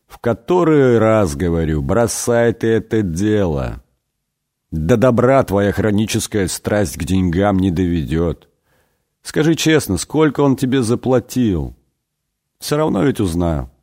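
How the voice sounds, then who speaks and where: A man doing a stern, measured Jesus. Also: fairly low pitch, lively intonation, a little mellow. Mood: reproachful. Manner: measured, reproachful. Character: stern, weary Jesus scolding a disciple.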